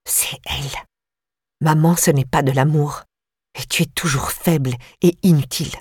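Woman doing disturbed young woman, eerily calm, low murmuring voice, slow, dry close sound, audiobook. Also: slightly rough, dry recording. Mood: eerie calm.

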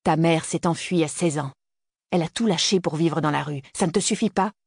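The reader plays a graying father who gives curt, peremptory orders in a gravelly, husky voice. The recording is dry and close, like a studio audiobook. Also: medium pitch, fairly quick, a little mellow, no room sound. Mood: stern. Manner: clipped, peremptory delivery. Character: stern graying middle-aged father, curt and commanding. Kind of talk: audiobook character reading.

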